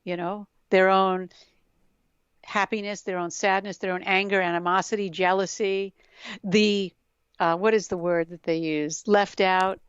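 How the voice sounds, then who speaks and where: Middle-aged woman chatting on a podcast, smooth voice, kinda dull dry sound. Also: medium pitch, fairly even intonation, measured pace, no echo. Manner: reflective, explanatory, laughs easily. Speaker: yoga scientist guest. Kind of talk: conversational podcast interview.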